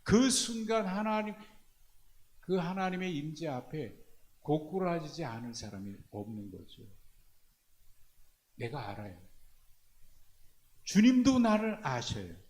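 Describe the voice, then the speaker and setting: A male pastor at a church prayer meeting, preaching in a slightly high voice. His pitch rises and falls in an animated way as he throws rhetorical questions at the listeners. He moves between quiet, low phrases and strong, loud ones. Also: slow, pauses often. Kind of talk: sermon.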